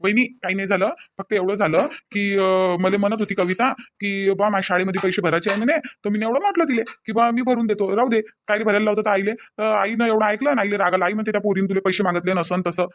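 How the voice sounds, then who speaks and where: A man's voice: high voice, steady tone, quick pace, hardly any pauses, highs cut off. A man voicing a young son in a cartoon who defends himself and apologizes to his mother, with a Varhadi Marathi accent. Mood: defensive. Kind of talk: cartoon voice acting.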